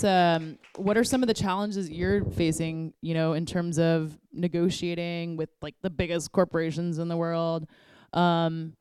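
A woman's voice: fairly low pitch, darkish tone. A woman moderating a panel in a casual, conversational style.

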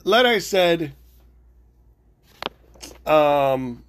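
A man hosting his own podcast, talking loudly in a rambling, excitable way, often stopping and restarting his sentences. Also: on the high side, very slow, a little hiss or hum. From Italian heritage. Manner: loud, rambling, self-interrupting, excitable. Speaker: podcast host. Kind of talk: solo podcast rant.

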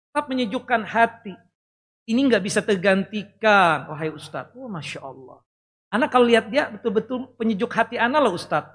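A man preaching a sermon to a live audience in a lively way, asking questions and joking as he goes. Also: sits high. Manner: lively, talks directly to the audience, jokes and asks questions. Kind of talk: Islamic sermon. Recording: long reverb in a hall.

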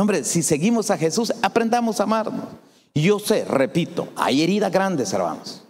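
A man's voice: a little high, a little mellow, in a large hall. A man preaching a sermon as a pastor. He speaks straight to his congregation with rising emphasis.

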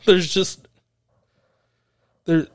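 A man co-hosting a podcast, recapping a wrestling event in a rambling, hesitant way with frequent laughs. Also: very slow. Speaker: podcast co-host.

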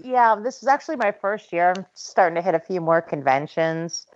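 A woman's voice: lowish voice, lively intonation, brisk, dry recording, highs cut off. A woman from New York talking candidly in a casual group chat, with some cursing. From New York, United States.

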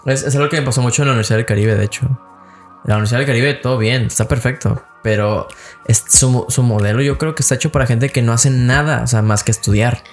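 A man's voice: medium pitch, fast talker. A young man with a Mexican accent in casual chat, ranting bluntly and swearing freely in heavy slang. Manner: blunt and profane, slangy rants. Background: background music.

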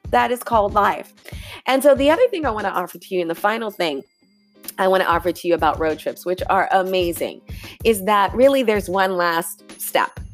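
In this reflective solo podcast, the yoga teacher and host chats with listeners, regularly tossing in "right?" and "y'all." She speaks in a mid-range, expressive voice at a slightly fast pace, with faint music playing behind her.

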